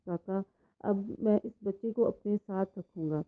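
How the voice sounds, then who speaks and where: A woman's voice: medium pitch, natural voice. A woman voicing a grieving, lonely young man who talks in an emotional, pleading way; the sound is tinny and phone-like. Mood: distraught.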